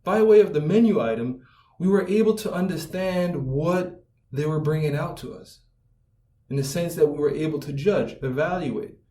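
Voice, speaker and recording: A man's voice: fairly high pitch, normal speed, dark tone. Man lecturing in an echoey room. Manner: explanatory, repeats "right?" to check in. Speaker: writing instructor. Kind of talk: lecture over slides. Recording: roomy echo, mic at a distance, faint music.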